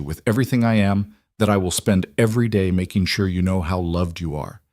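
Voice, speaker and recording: Brief: man as a protective young king, low voice, soft and heartfelt, dry sound. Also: dry recording, lightly acted. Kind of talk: audiobook story narration.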